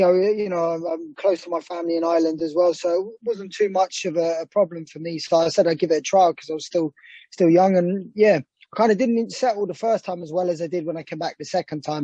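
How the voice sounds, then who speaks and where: A man's voice: a little high, steady tone, fairly quick, mellow, husky, no echo, highs cut off. A young man from England, a boxer, answering interview questions casually with rambling sentences and many fillers.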